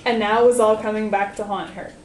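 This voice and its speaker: A woman reads a comic story aloud, playful and often breaking into giggles. Her medium-pitched voice is a little mellow, steady in tone, and fast. The recording has a roomy echo along with some noise.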